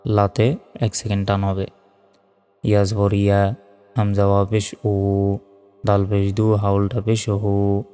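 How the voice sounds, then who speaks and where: Slow, smooth-voiced man teaching Quran reading. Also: fairly low pitch, dark tone. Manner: slow, drawn-out teaching with melodic chanting of verses. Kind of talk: spelling out Arabic letter by letter, then chanted recitation. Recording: long reverb, faint music.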